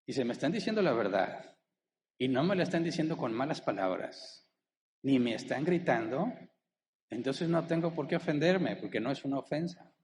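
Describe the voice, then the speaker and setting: A man's voice: medium pitch, expressive, normal speed, a little mellow, a little hiss or hum. Man preaching a sermon in a reverberant hall. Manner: asks the congregation rhetorical questions. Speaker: pastor. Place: church hall.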